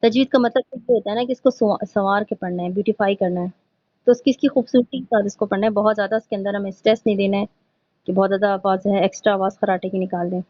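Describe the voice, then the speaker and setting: A woman's voice: medium pitch, steady tone, dark tone, lo-fi sound. A woman teaching Quran recitation in a patient, step-by-step way, mixing in English words. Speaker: tajweed teacher. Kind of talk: online Quran recitation lesson.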